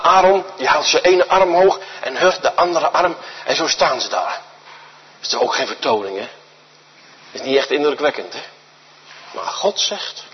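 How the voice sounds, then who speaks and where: A man's voice: fairly high pitch, breathy edge. A man preaching in a church, emphatic and repetitive, often asking rhetorical questions. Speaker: guest preacher. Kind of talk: sermon. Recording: dull recording with long church reverb.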